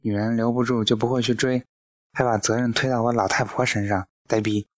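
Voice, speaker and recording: A man's voice: medium pitch, level tone, fairly quick, no room sound, natural voice. Feisty old mom tearing into young folks, a guy reading her lines, dry voice, audiobook feel. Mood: lecturing. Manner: scolding, blunt lecturing. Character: fierce sharp-tongued old mother, woman.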